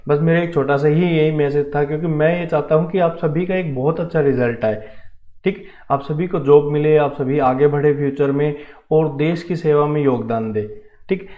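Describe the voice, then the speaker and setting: A man with an Indian accent teaches an online math lesson, his voice sitting a little high. He explains steadily and encouragingly, checking often that his students keep up. The sound is thin and phone-like, with a roomy echo. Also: normal speed. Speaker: math teacher for defence entrance exams. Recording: tinny phone-like audio with room echo.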